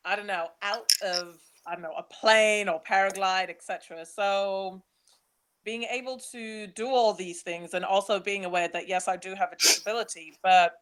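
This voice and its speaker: Young woman, webinar speaker; chatty and lively, laughs easily, mid-range voice. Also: mid-range voice, moderate pace. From Nigeria. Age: young adult. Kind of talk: presentation talk with slides.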